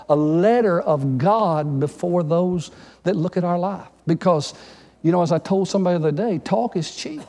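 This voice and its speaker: Male pastor, high voice, call-and-response sermon delivery, long hall reverb. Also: mellow. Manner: preachy call-and-response, rising and falling with emphasis.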